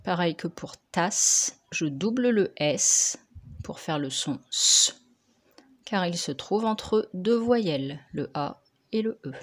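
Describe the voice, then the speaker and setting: A woman teacher, slowly dictating and correcting spelling words for young pupils, articulating each word carefully. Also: on the low side, lively intonation. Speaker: primary school teacher.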